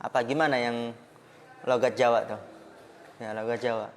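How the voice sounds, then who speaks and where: A man's voice: medium pitch, fairly even intonation, moderate pace, slight background noise. A man teaching Arabic grammar to students in a casual way, with rhetorical questions and jokes. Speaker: Islamic school teacher. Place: Islamic boarding school classroom. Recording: long hall reverb.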